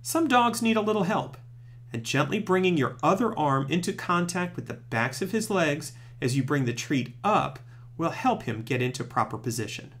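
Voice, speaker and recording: Male presenter for scripted tutorial narration. Strongly varied intonation, pitch a touch above average, clear instructional delivery. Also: expressive, moderate pace, a bit bright. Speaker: presenter of puppy training tips.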